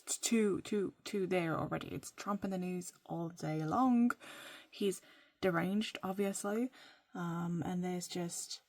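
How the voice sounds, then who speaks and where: A Norwegian vlogger whose first language is Norwegian chats casually in a playful, rambling way, sometimes dropping to a soft whisper as she writes in her journal. Her voice is mid-range and the recording is dry.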